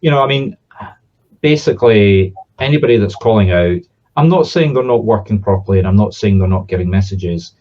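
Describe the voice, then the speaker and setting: Male, Southern Scottish accent, low and relaxed, informal explainer-teacher, slightly muffled sound. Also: brisk. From Scotland. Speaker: spiritualist medium and teacher.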